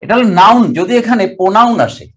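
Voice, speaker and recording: An older man from Bangladesh teaching Arabic grammar in a classroom lecture, explaining step by step and drawing out the Arabic words slowly. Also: high voice, fairly even intonation, fairly bright tone.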